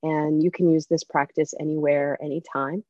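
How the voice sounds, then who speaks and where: A woman leading a guided breathing meditation over a video call, speaking softly with gentle invitations. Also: deep voice, level tone, dry recording. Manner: slow, soft-spoken, gentle invitations. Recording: dull lo-fi video call audio.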